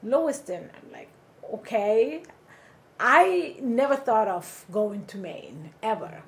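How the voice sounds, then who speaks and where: A middle-aged Somali woman tells her story for an oral history interview in a conversational way, and she livens up whenever she quotes people. Her voice is fairly high and very animated, though her pace is slow.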